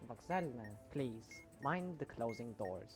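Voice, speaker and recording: A formal recorded metro station announcement in a slow, measured voice, heard as game audio. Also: medium pitch, expressive, faint music behind. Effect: train station announcement played as game audio.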